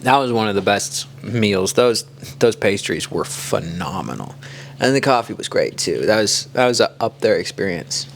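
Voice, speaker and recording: A man from the Kansas City area co-hosts a podcast, swapping stories in a relaxed, rambling chat and leaning heavily on "like." His voice is fairly low and gravelly, his pace moderate, with a faint hiss or hum in the background.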